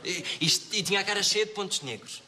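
An actor playing a vain, chatty young café worker with speech, telling stories in a gossipy, dramatic way. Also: male voice, high voice, animated, quick pace, heavy background noise. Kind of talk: sitcom acting.

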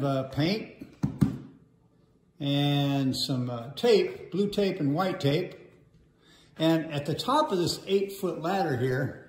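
Older man joking through a slow home lesson. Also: on the high side. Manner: joking, playful, rambling with fillers. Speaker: host. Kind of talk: comic how-to demo. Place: hallway of a home, indoors. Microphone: wireless earbuds. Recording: echoey hallway with faint noise.

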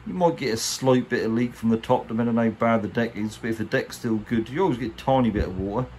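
A boat restorer with an English accent presents a how-to at a quick pace, his mid-range voice a little mellow. The tutorial is hands-on, chatty and colloquial, delivered casually and plainly. Clear background noise is present in this handheld workshop recording.

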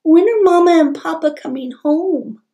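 A woman's voice: extremely high pitch, normal speed, warm tone, highs cut off, voice pushed up. A woman voicing an eager young girl who is about to become a big sister. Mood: asking.

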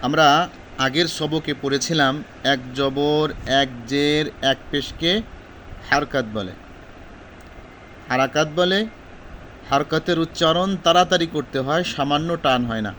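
Male teacher from Bangladesh, fairly high voice, unhurried drill pace, repeats every syllable, faint air conditioner hum behind. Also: fairly bright tone, low-quality recording. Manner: slow, deliberate, repeats each syllable for learners to copy. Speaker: Quran reading teacher. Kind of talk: pronunciation lesson with drilled repetition.

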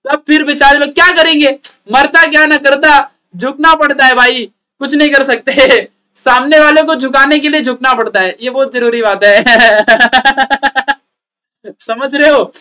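A man's voice: very high voice, bright, forceful tone. A young man from India with an Indian accent, an online tutor mixing chatty teasing and frequent laughs into a casual teaching rant.

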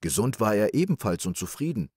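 Low-voiced man reading a bedtime fairy tale. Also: a little fast, husky, no room sound, studio quality. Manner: calm, expressive storytelling. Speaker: audiobook narrator.

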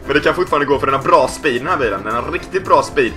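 Young male gamer, bright voice, joking game commentary, faint music underneath. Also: medium pitch. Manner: joking, excitable commentary with laughs. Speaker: gaming YouTuber.

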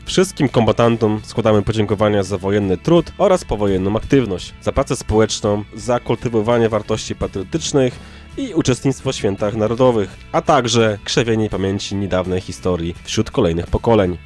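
Low-voiced male news narrator. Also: normal speed, a little mellow, soft background music.

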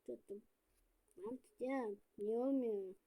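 A young woman chatting while playing a game with a friend, bossy, teasing and excitable, full of slang. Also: a little high, a little slow. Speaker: gamer. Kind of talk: casual gaming banter.

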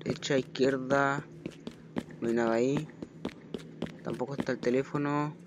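A man giving let's play commentary on a horror game, jumpy and panicky, repeating phrases rapidly when chased. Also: medium pitch, fairly even intonation. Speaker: gaming channel host. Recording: noisy home recording.

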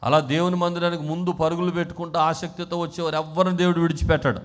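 A male pastor from Andhra Pradesh preaching a sermon, swinging from quiet talk to shouting and calling the congregation to respond. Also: a little high, little pitch movement, rapid-fire. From Andhra Pradesh, India.

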